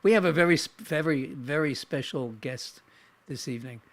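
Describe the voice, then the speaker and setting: A man's voice: fairly high pitch, normal speed, no echo. Jokey New York man hosting a show. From the Bronx, New York. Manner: jokey, stumbles and repeats words. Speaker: show host. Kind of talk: casual interview chat.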